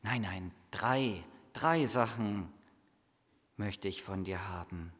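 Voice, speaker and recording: A preacher voicing a calm, gentle child Jesus. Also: male voice, takes it slowly, slightly rough, big-room sound, exaggerated voice. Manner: low, soft and calm.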